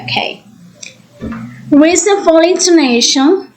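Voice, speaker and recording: A woman giving a student presentation in class, reading from her notes in a halting way. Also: very high-pitched, slight background noise, rough recording.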